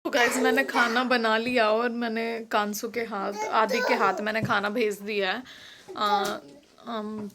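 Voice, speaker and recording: A woman's voice: a little high, level tone, a little slow, noisy background. A young woman talking casually in a home vlog, explaining at length with many fillers and restarts. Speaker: vlogger.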